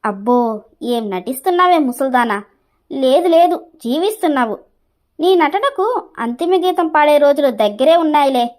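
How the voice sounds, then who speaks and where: A woman's voice: high voice, lively intonation, normal speed. A woman voicing a spirited young wife in a cartoon story, teasing her husband and privately mocking her mother-in-law.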